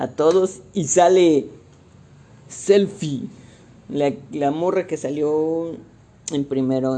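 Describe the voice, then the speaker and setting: A young man with a Mexican accent, casually recapping a movie in slangy, animated talk and acting out the quotes. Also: a little high. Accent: Mexican Spanish.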